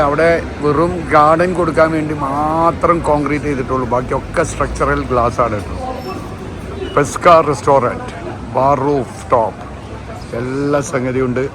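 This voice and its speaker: A man with a Malayali accent giving casual, chatty travel vlog commentary, mixing English words into his Malayalam and often tossing short questions to viewers. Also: fairly high pitch. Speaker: travel vlogger. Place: outdoors on city streets. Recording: noisy outdoor street and traffic ambience.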